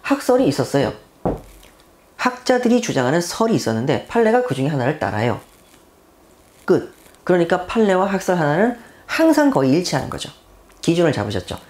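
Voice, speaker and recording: A woman's voice: fairly low pitch, big pitch swings, a little fast, pauses often, a little mellow. A middle-aged woman teaching civil law for exam prep, asking rhetorical questions and answering them herself, with emphatic repetition.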